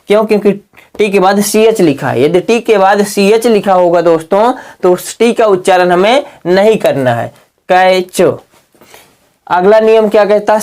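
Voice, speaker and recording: A man teaching English reading rules in a lesson video. He asks his students rhetorical questions and spells words out slowly, letter by letter. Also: high voice, darkish tone. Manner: keeps asking the class rhetorical questions.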